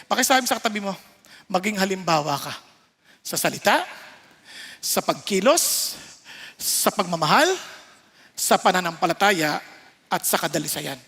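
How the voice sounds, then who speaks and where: A man's voice: high-pitched, lively intonation, normal speed, long pauses, pushed and bright, slightly rough. A man with a Filipino accent preaching a sermon as pastor, emphatic and often checking in with his listeners. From Philippines. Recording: reverberant hall sound.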